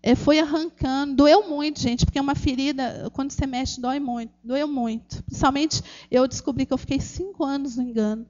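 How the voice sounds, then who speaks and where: A woman's voice: high voice, fairly even intonation, fairly quick, few pauses, a little mellow, lo-fi sound. A Brazilian woman with a Brazilian Portuguese accent giving an earnest, emotional personal testimony at a church gathering, speaking directly to the audience with frequent restarts. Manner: earnest, addresses the audience as "gente", many restarts.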